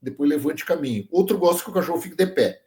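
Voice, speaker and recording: This podcast guest, a sheep dog trainer, has a slightly high, somewhat mellow male voice and speaks quickly and with animation. In a casual interview, he walks through working dogs using examples from the farm, pausing to confirm the listener understands.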